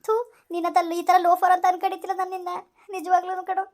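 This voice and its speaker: A woman's voice: very high-pitched, completely flat delivery, quick pace, a little mellow. A woman playing a young village woman dumped by her boyfriend, talking in a village comedy skit. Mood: angry scolding. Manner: scolding, then begging.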